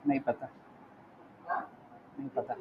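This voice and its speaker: A man's voice: slow pace, lo-fi sound, crowd noise. A man teaching an Arabic grammar class online, patiently walking students through each word and often checking whether they follow.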